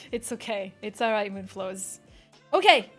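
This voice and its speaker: A woman's voice: a little high, normal speed, soft background music. A woman streamer talking candidly and rambling with her viewers in casual chat, often restarting her sentences.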